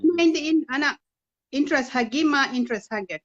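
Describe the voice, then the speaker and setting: Quick and high-pitched, this Kenyan-raised woman in her thirties talks politics with passion as an interview guest, and the recording sounds lo-fi. She speaks earnestly and persuasively, posing rhetorical questions.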